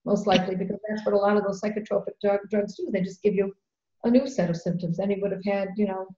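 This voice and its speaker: A woman's voice: medium pitch, fairly even intonation, quick pace, mellow. Earnest woman in an echoey room. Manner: earnest, fillers, repeats words when emotional. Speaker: homeopathy practitioner. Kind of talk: conversational storytelling. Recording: echoey room, dull lo-fi sound.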